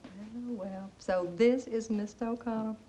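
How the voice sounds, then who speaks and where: A woman's voice: a little high, steady tone, a little slow, dark tone, natural voice. An actress playing a middle-aged faded Southern belle mother, genteel and nostalgic, chattering with a Southern accent and theatrical laughs. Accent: American Southern. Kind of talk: stage play acting.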